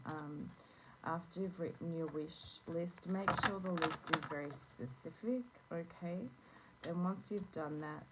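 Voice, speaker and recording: A woman who is unwell with a sore throat, giving a casual, halting card reading as host, with gentle instructive asides. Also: sits low. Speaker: tarot and oracle card reader hosting a reading. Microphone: phone. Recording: noisy phone recording with clicks.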